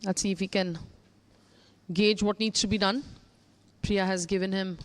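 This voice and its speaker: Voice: mid-range voice, steady tone, normal speed. A golf commentator giving live commentary on tournament play, describing players and putts.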